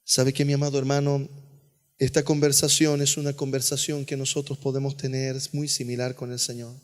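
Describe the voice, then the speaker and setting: A male pastor preaching an earnest sermon, dropping to a hush on key phrases. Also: medium pitch, flat delivery, brisk. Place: church sanctuary. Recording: long church reverb.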